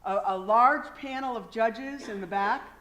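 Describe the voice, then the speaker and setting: A woman's voice: on the high side, unhurried, fairly bright tone, slight background noise. A woman organizing a museum event, announcing the awards with enthusiastic praise and many fillers. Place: museum event hall with an audience.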